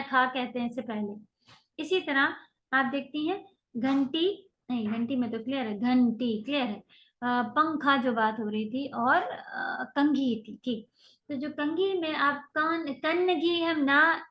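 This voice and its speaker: A woman teaching a recitation class, explaining rules patiently and modeling long drawn-out sounds. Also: high-pitched, lo-fi sound. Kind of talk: online tajweed lecture.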